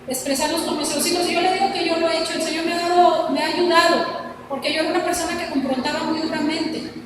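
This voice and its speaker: A middle-aged woman preaching an earnest, exhorting sermon to her congregation. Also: very high-pitched. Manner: earnest, exhorting, addresses congregation as "mis hermanos". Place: church hall. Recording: echoey church hall mic from far off with noise.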